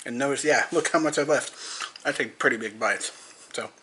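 Eating on camera for a food-tasting vlog, this young vlogger rambles and repeats himself, often with his mouth full. He speaks at a moderate pace in a mid-range voice that sounds pushed and bright, with a little hiss or hum.

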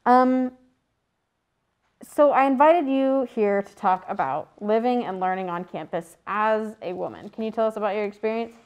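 A woman's voice: mid-range voice, moderate pace, darkish tone, smooth. A young woman hosts a comedy talk show in a casual, wry way. Her voice sits in an ordinary middle range and she laughs easily. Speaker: host.

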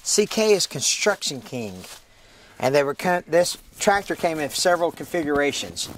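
A man hosting a casual outdoor video, folksy and excitable, laughing often as he talks. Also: a little high, moderate pace, a little hiss or hum. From Florida. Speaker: host. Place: outdoors in woods.

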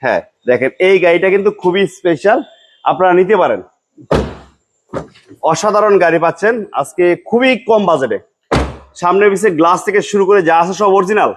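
A male car vlogger with a Bangladeshi accent presents used cars in a promotional, salesy way. His pitch is high for a man and his pace is very quick, with prices and features echoed back to viewers. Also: expressive. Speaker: car vlog host. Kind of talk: promotional showroom vlog presenting.

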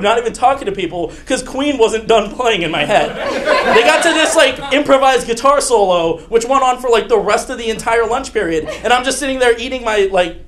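A young man telling a rambling, self-mocking true story from high school as an improv monologue. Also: a bit bright. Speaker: improv performer.

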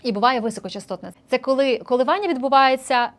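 A woman's voice: high voice, fast. A young woman vocal coach in a casual lesson, explaining voice technique and breaking into short sung demonstrations. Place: indoor room with a street musician outside.

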